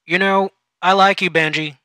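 A man voicing an overly chummy, pushy male office supervisor who talks loudly and patronizingly. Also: high voice, fairly even intonation, normal speed, no room sound, pitched above the performer's own voice. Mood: overbearing. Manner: loud, overexcited, patronizing.

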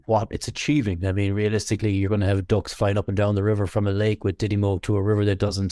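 A man with a west of Ireland accent chatting casually in an interview, halting and repeating words as he thinks. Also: lowish voice, darkish tone, dry recording, clean studio sound. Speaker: fly fishing guest.

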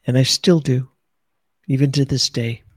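A woman reflecting warmly and slowly on her years of study in a heartfelt podcast conversation. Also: rumbling low, fairly even intonation, breathy edge, no room sound, studio quality. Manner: slow, heartfelt, repeating phrases. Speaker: teacher sharing her experience.

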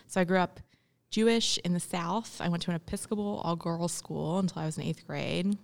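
A young woman, a guest in a casual interview, speaks in a low, gravelly voice. She talks thoughtfully, with many "um"s and restarts. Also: fairly even intonation, fairly quick. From born in India, grew up in Memphis, Tennessee. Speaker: guest, entrepreneur.

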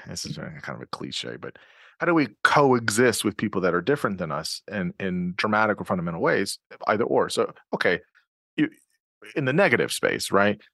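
Gravelly low-voiced male podcast host. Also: sing-song, moderate pace, a bit bright, no echo, clean studio sound. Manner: thinks aloud with many fillers and restarts. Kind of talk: conversational interview.

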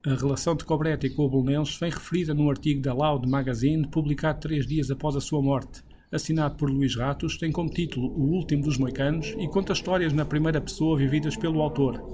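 A man hosting a podcast, reading a scripted narration in a measured way. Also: fairly high pitch, steady tone, over music. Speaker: podcast host.

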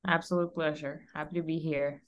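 A woman's voice: sits low, little pitch movement, fairly quick, lo-fi sound. A young woman from Russia, a podcast guest, talking energetically and emphatically with frequent fillers in a conversational interview. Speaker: podcast guest, company founder.

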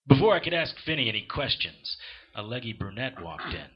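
An actor playing a short-tempered, sardonic supernatural private eye, with a husky voice and wry hard-boiled delivery in a noir audio drama. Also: male voice, medium pitch, big pitch swings, a little fast, dull audio. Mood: wry narration.

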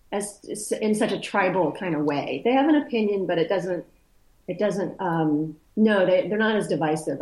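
A woman who grew up speaking Polish, from Poland, talks as a guest in a casual conversational interview, loose and thoughtful and often restarting her sentences. Her mid-range voice has a darkish tone. The low-quality recording sounds roomy.

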